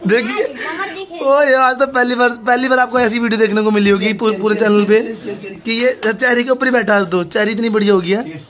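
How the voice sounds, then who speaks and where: A young man with an Indian accent and a high voice chatters excitedly as he films his pets at home. He keeps calling and coaxing the animals, and people talk around him. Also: brisk, a crowd in the background. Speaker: pet vlogger. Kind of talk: excited casual filming commentary.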